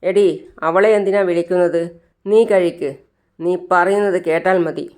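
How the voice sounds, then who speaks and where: A woman's voice: lowish voice, fairly even intonation, normal speed, clear, resonant tone, close to an everyday voice. A woman voicing a harsh, scolding old grandmother in a storybook tale. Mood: angry scolding. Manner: sharp, scolding.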